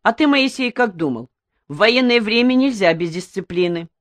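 Bossy teen boy giving orders, woman doing him, mid pitch, dead dry audiobook. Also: lively intonation, moderate pace, no echo, natural voice. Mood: commanding. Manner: firm, commanding. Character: bossy teenage boy, team leader.

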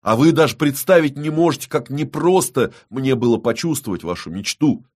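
A man's voice: mid-range voice, expressive, moderate pace, breathy edge, voice pushed up. A man voicing a deferential male painter. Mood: placating. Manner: deferential, placating. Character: polite, evasive male painter. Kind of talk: audiobook reading.

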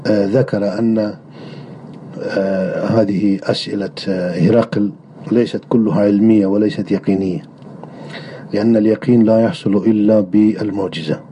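A man delivering a religious lecture on creed in a measured way, often pausing on drawn-out hesitation sounds. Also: lowish voice, steady tone, warm tone, slight background noise. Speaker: religious teacher. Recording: dull lo-fi recording.

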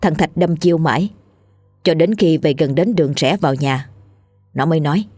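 Low-voiced woman narrating a story. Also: moderate pace, darkish tone, no room sound, soft background music. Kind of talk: scripted ghost story narration.

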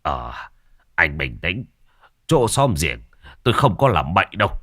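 A man voicing an elderly village coffin maker who tries to calm an angry neighbor. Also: low-pitched, measured pace, heavily acted. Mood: placating. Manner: soothing, defensive.

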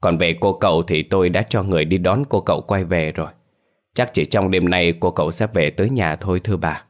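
A man's voice: low-pitched, fairly quick, close to an everyday voice. A man voicing a loyal male steward who answers politely and deferentially.

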